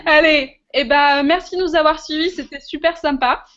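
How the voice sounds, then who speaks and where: A woman's voice: high-pitched, steady tone, normal speed, a bit bright. A woman hosting a workshop, giving an informal, chatty demonstration with a hesitant way of explaining. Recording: muffled, lo-fi audio.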